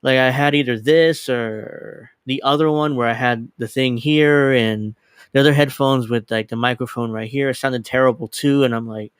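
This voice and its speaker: A man in his thirties hosts a livestream in a mid-range, steady voice at a moderate pace, sounding smooth on a dedicated mic with dry, clean studio audio. He chats casually, rambling and scattered, with self-deprecating humor and casual swearing.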